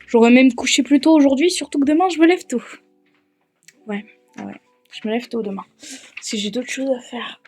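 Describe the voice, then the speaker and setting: A woman's voice: a little high, a little mellow. Chatty young woman vlogging on a phone. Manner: rambling, self-mocking and chatty. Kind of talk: casual vlog chat. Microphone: handheld phone.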